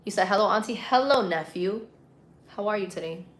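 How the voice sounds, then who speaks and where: Female livestream host, Puerto Rican accent, medium pitch, informal and playful, answering comments in loose slangy talk. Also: brisk. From Puerto Rico. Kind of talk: casual live-stream chat answering viewer comments.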